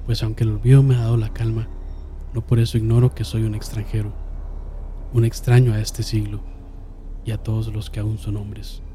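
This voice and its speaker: Dark, flat-voiced man reading horror. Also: lowish voice, slight background noise. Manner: slow, solemn, with hushed drops and sudden swells. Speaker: narrator. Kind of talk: dramatic horror story reading.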